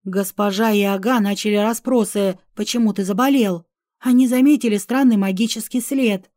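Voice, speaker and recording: A jittery, skinny male elf from a fantasy audiobook hisses his words in an anxious whisper, as a woman narrator puts him on. The voice sits fairly high and sounds mellow rather than bright, with a dry, close sound. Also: steady tone, moderate pace, dry recording, close to an everyday voice. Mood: nervous.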